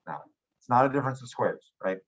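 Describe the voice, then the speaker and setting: A man's voice: medium pitch, expressive, quick pace. Male teacher, classroom lecture, patient and step by step, slightly dull lo-fi sound. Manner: checks in with students often, patient and plain. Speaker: math teacher.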